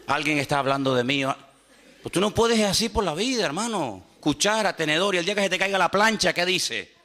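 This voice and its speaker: A man preaching a lively sermon as pastor, animated and humorous, using repetition, rhetorical questions and acted-out dialogues. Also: high voice, brisk.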